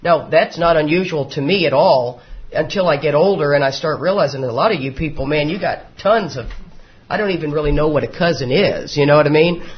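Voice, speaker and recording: A man's voice: fairly high pitch, brisk. Folksy joking man with a drawl. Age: 50s. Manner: folksy, joking storyteller who often laughs. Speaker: recovery meeting speaker. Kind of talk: personal recovery talk to a live group. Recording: dull lo-fi meeting recording.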